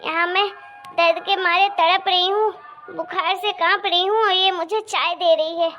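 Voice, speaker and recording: Sharp-tongued, feverish mother-in-law who scolds and complains, played by a woman; cartoon story, high pitch. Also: fairly even intonation, moderate pace, muffled recording, soft background music. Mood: scolding. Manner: bitter and scolding. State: feverish and in pain. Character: harsh, complaining middle-aged mother-in-law.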